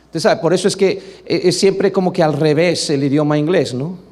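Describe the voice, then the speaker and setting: A man preaching a sermon to a congregation, emphatic, asking for agreement and swinging between low asides and loud exclamations. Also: moderate pace. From Latin America.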